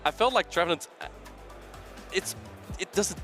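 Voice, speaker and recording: Male game commentator, lively swooping delivery, quick excitable talk, faint music behind. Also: sits high. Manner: quick, excitable, repeats himself when thinking. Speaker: esports commentator. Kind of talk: live tournament commentary.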